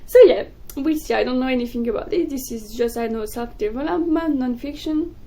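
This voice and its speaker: A young woman, a native French speaker, chatting excitedly about books in a casual vlog. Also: high voice, low-quality recording. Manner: excitable, gushing, quick bursts. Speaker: book vlogger. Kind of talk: casual chat to camera.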